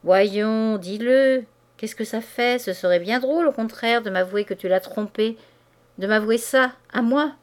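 A woman's voice: fairly high pitch, unhurried, natural voice. A woman reading as a jealous, pushy young husband. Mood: insistent, teasing. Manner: pressing, nagging questions.

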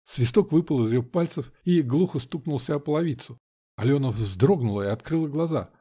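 Guy reading a novel out loud, dramatic and measured, raspy warm voice. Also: medium pitch. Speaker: audiobook narrator. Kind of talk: first-person audiobook narration.

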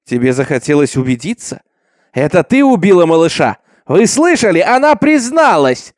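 Raised, menacing voices of a witch-hunting crowd, as a male reader puts them on. Loud and lively, in a horror audio tale. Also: on the high side, moderate pace, no room sound, clean studio sound, lightly acted. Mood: shouting. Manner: shouting, jeering, menacing. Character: angry mob of cruel villagers.

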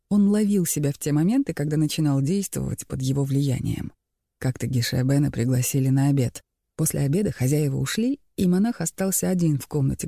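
Gravelly calm male audiobook narrator. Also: fairly high pitch, no room sound, clean studio sound. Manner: calm, measured reading. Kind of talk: scripted narration of a spiritual book.

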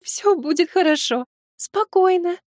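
A man's voice: lively intonation, unhurried, no room sound, studio quality. A man doing a frightened tender young mother. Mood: tender cooing. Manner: soft cooing falsetto, trembling. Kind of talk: audiobook reading.

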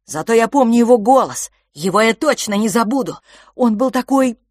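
A woman's voice: on the high side, lively intonation, no echo, pitched above the performer's own voice. A woman voicing a frightened young boy close to tears who stammers and breaks off mid-sentence. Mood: frightened halting. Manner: halting, stammering, unsure.

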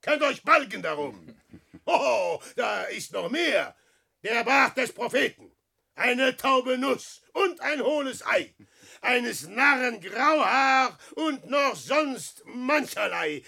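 An actor playing an old, boastful, mocking wanderer in a radio drama, declaiming in a gravelly voice that swings between shouts and murmurs. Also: male voice, high-pitched, exaggerated voice. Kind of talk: theatrical radio drama acting.

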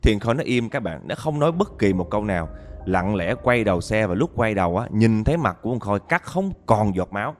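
A man's voice: lowish voice, sing-song, fast. A man narrating a listener's ghost story, talking straight to his audience with dramatic storytelling.

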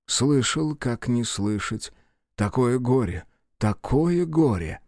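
A man's voice: mid-range voice, big pitch swings, slow pace, a little mellow, no room sound, clean studio sound. A man voicing a fussy, ceremonious middle-aged town official who talks politely and pleads.

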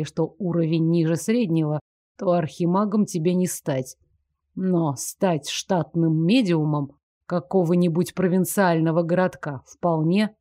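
Calm commanding nobleman, low and unhurried, read by a woman; dead-dry booth sound. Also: no room sound, close to an everyday voice. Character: calm self-assured nobleman, gently commanding. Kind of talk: audiobook character voice.

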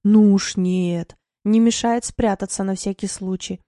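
Storybook house cat, lazy and grumbly, read by a woman; warm, dry sound. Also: mid-range voice, fairly even intonation, unhurried, no echo, lightly acted. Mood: sly. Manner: grumbling, self-pitying. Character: lazy, cheeky pet tomcat, comfort-loving. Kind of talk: audiobook narration.

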